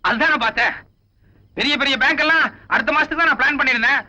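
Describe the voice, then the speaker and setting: An actor playing a cheeky, wisecracking bank thief in 1990s film dialogue, joking and mixing in English. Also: male voice, very high voice, racing, pushed and bright, dull audio, exaggerated voice. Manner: joking, teasing, mixes in English.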